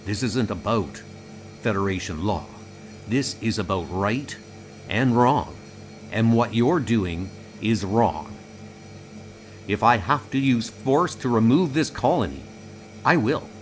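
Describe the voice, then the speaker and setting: Resolute male starship captain played by a man, low-pitched and earnest, for a comic-book audio drama. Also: expressive, slow, long pauses, faint music behind. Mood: firm.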